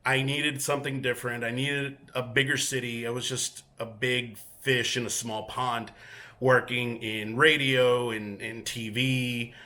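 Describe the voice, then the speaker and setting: Here the featured guest collector, a man from Mexico who grew up speaking Spanish, gives a relaxed self-introduction while touring his home collection room. His bright voice stays mid-range with little pitch movement, and his talk is laid-back and chatty, full of filler pauses.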